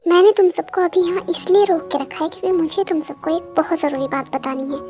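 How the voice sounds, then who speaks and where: Brief: woman as a bossy mother, very high and mellow, scolding. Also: brisk, faint music behind. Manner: commanding, scolding. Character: bossy middle-aged mother, proud.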